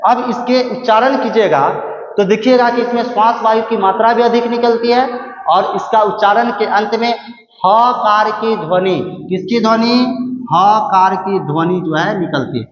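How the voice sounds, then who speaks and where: Male teacher, high voice, quizzes the class then answers himself; roomy, long-reverb, dull lo-fi recording. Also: normal speed. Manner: asks the class questions and answers them himself, repeats key words. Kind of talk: grammar lesson. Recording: echoey room, muffled lo-fi sound.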